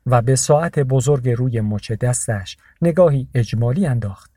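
A man reading an audiobook in a calm, even narrating voice. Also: mid-range voice, no room sound, clean studio sound.

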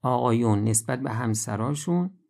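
Gravelly earnest male preacher. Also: medium pitch, animated, a little mellow. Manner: earnest, exhortative, rising emphasis then slow drawn-out phrases. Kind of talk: religious lecture podcast.

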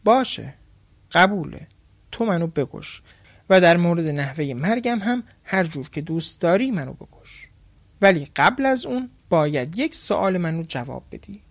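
A man's voice: fairly high pitch, big pitch swings, creaky, dry recording, full character voice. A man voicing a poor, clever male fisherman who talks slyly and mockingly. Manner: sly and mocking.

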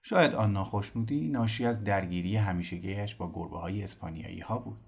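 A man narrating a novel as an audiobook in an expressive storytelling manner. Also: fairly low pitch, creaky, husky. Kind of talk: scripted narration.

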